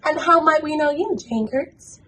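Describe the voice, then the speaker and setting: A woman's voice: high-pitched, measured pace, sharp tone, slight background noise, rough recording. A woman hosting a conference interview, upbeat and encouraging toward her guest. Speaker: interview host. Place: conference venue.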